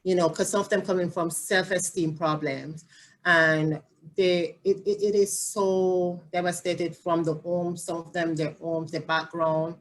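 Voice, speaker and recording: A woman with a Jamaican accent, a family support specialist answering interview questions in an earnest, halting way, often rephrasing herself. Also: on the low side, steady tone.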